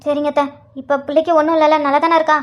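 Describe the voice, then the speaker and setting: A woman's voice: sits high, little pitch movement, very fast, voice pushed down, lightly acted. Woman doing a polite, anxious mother. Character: worried middle-aged village mother. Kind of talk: cartoon voice acting.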